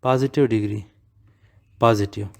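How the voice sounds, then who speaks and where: Slow, deliberate male grammar teacher. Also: fairly low pitch, steady tone. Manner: asks and answers his own questions, repeats key words; reads English examples slowly and deliberately. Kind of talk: classroom grammar lesson.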